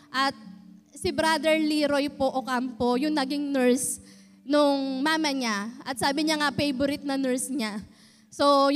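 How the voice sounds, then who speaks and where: A woman giving a nervous, halting, earnest personal testimony at a church service. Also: high-pitched. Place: church hall. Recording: reverberant church hall.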